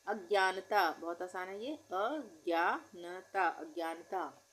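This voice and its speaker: Patient woman teaching Hindi words slowly. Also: medium pitch, animated. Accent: Indian. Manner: patient, drawn-out word-by-word pronunciation. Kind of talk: slow spelling-out lesson.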